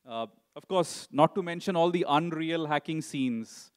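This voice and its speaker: A man's voice: fairly high pitch, a little slow. Conversational man giving a conference talk. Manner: conversational, frequent "right?" and "you know" fillers. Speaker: conference speaker.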